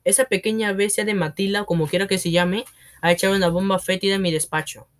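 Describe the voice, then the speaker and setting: A man's voice: high voice, steady tone, fast talker, fairly bright tone, pitched above the performer's own voice. A man voicing a domineering, scornful headmistress who roars and bullies in a storybook reading. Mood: scornful, bullying. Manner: roaring, contemptuous, bossy. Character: bullying domineering female headmistress, booming and scornful.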